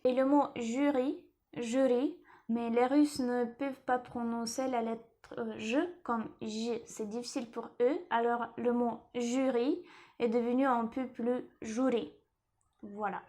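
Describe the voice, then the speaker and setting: A woman teaching a lesson in French, repeating each word slowly and carefully. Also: a little high, fairly even intonation, mellow. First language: Russian. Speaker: language teacher.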